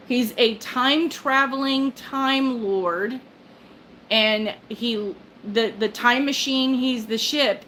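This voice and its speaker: Over a phone livestream, an older host in a casual chat keeps rambling, dropping fillers, starting over and laughing softly as she interrupts herself. Her voice is a little high and fairly bright, and the low-quality recording has slight background noise.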